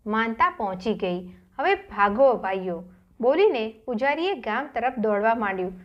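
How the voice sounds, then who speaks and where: A woman narrating a storybook in a dramatic, measured reading style. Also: a little high, highs cut off.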